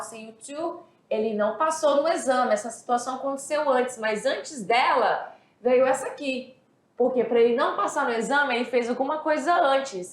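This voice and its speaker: A woman English teacher from Brazil, explaining grammar step by step and often checking that the class follows. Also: fairly high pitch. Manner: explanatory, repeats and checks understanding. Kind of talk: recorded classroom lesson. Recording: echoey room.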